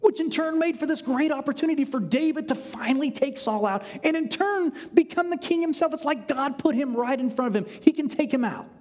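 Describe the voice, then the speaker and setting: A man preaching a sermon, telling the story with humor and lively storytelling, at times dropping to a hush. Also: extremely high pitch, a little fast, hardly any pauses, long reverb tail. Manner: animated, humorous storytelling with sudden hushed drops. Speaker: pastor.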